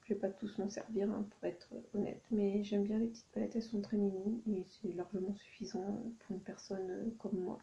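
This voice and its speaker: A woman talks through her shopping haul for her YouTube channel at home in the evening, sounding hesitant and full of ums as she thinks aloud in a casual vlog. She speaks a little fast in a level, medium-pitched voice with vocal fry, few pauses, and a dark tone, and the sound is lo-fi.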